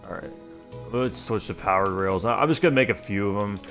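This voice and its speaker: A man with a deep, slightly nasal and stuffy voice talks his way through a casual gaming livestream. He rambles loosely, stringing thoughts together with fillers and restarts. Music plays clearly behind him. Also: brisk, fairly bright tone. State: stuffy from allergies. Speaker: streamer.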